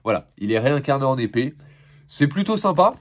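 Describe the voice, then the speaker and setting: A young man talking through a pile of manga in a laid-back, rambling way. His voice sits at an ordinary pitch for a man, and he fills gaps with hesitations and repeated starts. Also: big pitch swings, brisk. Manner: laid-back, chatty, many fillers and restarts; laughs between remarks. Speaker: manga reviewer. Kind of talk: casual manga haul review.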